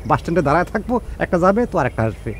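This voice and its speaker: A man's voice: fairly high pitch, sing-song, racing. An actor playing a scheming young man talking matter-of-factly about marriage. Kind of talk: comedy drama monologue.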